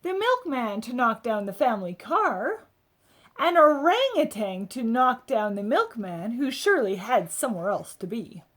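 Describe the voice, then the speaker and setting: Reading a picture book to children in an unhurried voice on the high side, a woman brings dramatic, expressive emphasis and talks to her young listeners in chatty asides.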